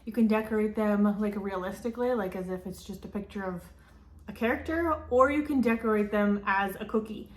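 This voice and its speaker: A woman's voice: medium pitch, fairly quick, a little mellow. A woman chatting casually through a book haul, rambling with frequent ums and likes, filmed as a phone video. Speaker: book vlogger. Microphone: phone camera. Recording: roomy phone recording, faint ambience.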